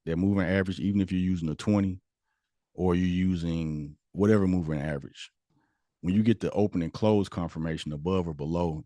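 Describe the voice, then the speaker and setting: A man's voice: sits low, dark tone, no echo, studio quality. A man teaching a stock trading class, talking loosely and conversationally as he walks through a chart. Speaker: trading instructor. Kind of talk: casual screen-share trading lesson.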